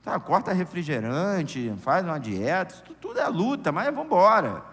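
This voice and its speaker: A man's voice: sits high, big pitch swings, moderate pace, a bit bright. A middle-aged Brazilian man preaching a sermon in church, conversational and humorous, telling anecdotes into a microphone. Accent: Brazilian Portuguese. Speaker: pastor. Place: church sanctuary. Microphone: handheld or stand microphone. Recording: long church hall reverb.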